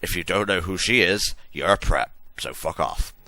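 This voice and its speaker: A man's voice: sits low, expressive, normal speed, creaky, pushed and bright, dry recording. A man giving a comic dramatic reading of a story in a hammy, theatrical stage-actor manner with exaggerated emphasis. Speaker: reader of a fan fiction story.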